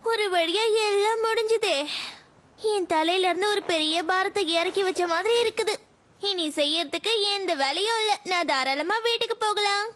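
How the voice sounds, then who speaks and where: A woman's voice: very high-pitched, moderate pace, fairly bright tone. A woman dubbing an earnest robot cat from the future in a cartoon, scolding and then tender. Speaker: dub voice actor. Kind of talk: cartoon dub acting.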